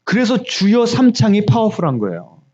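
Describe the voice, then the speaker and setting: A man preaching a sermon as pastor, questioning the congregation and moving from loud cries to near whispers. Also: high-pitched, wildly swooping pitch, moderate pace, highs cut off. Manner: preaches with questions to the congregation, dramatic shifts in loudness.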